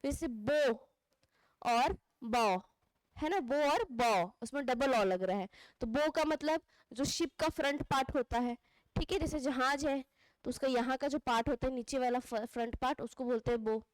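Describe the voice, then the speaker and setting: Lady teacher, high voice, dry close sound, keeps asking and answering her own questions. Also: normal speed, no echo, low-quality recording. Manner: asks questions and answers them herself, ends points with "theek hai". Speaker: English teacher. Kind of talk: classroom lesson explaining grammar.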